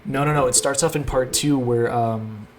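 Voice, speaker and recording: A man's voice: medium pitch, fairly even intonation, moderate pace, noisy background. Rambling young man hosting a casual chat. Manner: rambling, hesitant with many fillers and restarts. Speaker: host.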